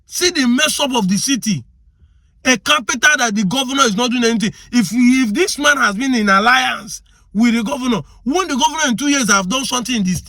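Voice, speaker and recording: Arguing hard in heated commentary, a Nigerian-accented man rattles off one rhetorical question after another. The recording is dry, and his voice is very high and sharp-toned.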